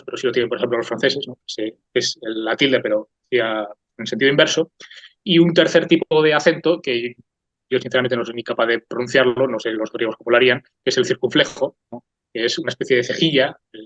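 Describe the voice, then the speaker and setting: A man hosting a cultural talk program gives an unscripted, thoughtful lecture that wanders into digressions and often checks in with the listener. His voice is medium-pitched and a bit bright, captured in a slightly dull, dry lo-fi recording with no echo.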